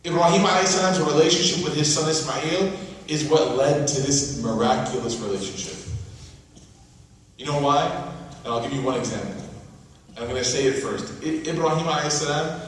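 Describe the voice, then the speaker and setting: A man's voice: fairly high pitch, a little hiss or hum. A man giving a conversational sermon-style lecture, often checking in with his listeners by asking "right?". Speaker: preacher. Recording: echoey hall from far off.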